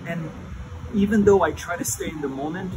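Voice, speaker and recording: Higher-voiced man talking in ice cold water. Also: a little fast. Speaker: health vlogger. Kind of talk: casual instructional vlog. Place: outdoors, sitting in a wooden ice bath. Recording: clear outdoor ambient noise.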